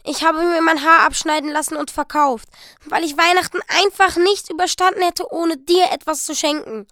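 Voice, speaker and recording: A woman reading the part of a young wife who pleads eagerly with her husband, her voice raised higher and louder. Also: moderate pace, no room sound, studio quality. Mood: pleading. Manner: breathless, pleading and excited.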